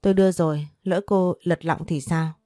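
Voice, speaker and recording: A woman's voice: on the low side, steady tone, normal speed, warm tone, dry recording, studio quality, faint music behind, close to an everyday voice. A woman voicing a desperate young mother who pleads urgently to protect her child in an audio story. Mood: pleading.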